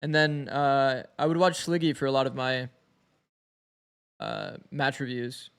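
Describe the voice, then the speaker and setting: While streaming an esports match, this man dissects plays in easygoing chat with his audience, musing aloud as he goes. His mid-range voice is a touch raspy from long streaming hours, steady and fairly bright, and he never hurries.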